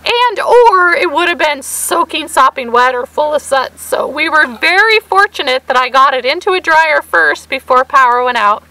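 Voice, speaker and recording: A woman co-hosting a vlog with a crackly, hoarse voice, chatting casually and telling stories in an animated way. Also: high voice, moderate pace, hardly any pauses. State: hoarse for weeks. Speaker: vlog co-host. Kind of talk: casual chat to camera.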